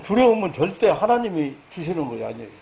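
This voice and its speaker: A man preaching a sermon lecture as a pastor, halting with fillers, then rising loud and high to stress his points. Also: sing-song, creaky. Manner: halting, many fillers and restarts.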